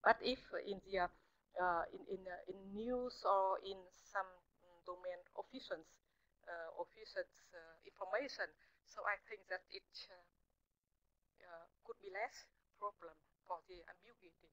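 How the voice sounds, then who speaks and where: A visiting researcher, a woman with a Vietnamese accent, fields audience questions after her talk, halting and frequently restarting as she hunts for words. Her mid-range voice has a fairly bright tone, and the lecture recording is muffled.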